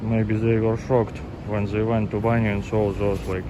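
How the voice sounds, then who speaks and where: A man from Russia with a Russian accent, chatting casually in halting, rambling English as a travel vlogger live-streaming. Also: lowish voice, level tone. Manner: halting, rambling English with repeated filler words. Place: walking around city streets and shops at night. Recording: noisy city street, traffic and hum.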